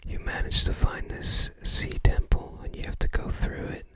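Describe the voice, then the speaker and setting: An ASMR video host whispers softly and breathily, without voicing, while browsing a game guide book. The unscripted commentary is unhurried and musing, with tentative attempts to recall things.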